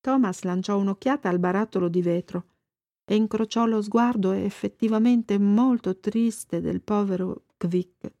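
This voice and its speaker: A woman narrating a children's storybook in an expressive, lively way. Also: medium pitch, a little slow, dry recording, lo-fi sound. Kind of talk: storybook reading.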